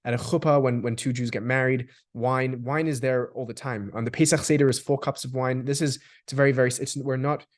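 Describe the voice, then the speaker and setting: This Australian man talks fairly quickly with hardly any pauses, his mid-range voice keeping a fairly even intonation. As a guest in a thoughtful conversation, he stretches out long explanations, repeating and restarting words along the way.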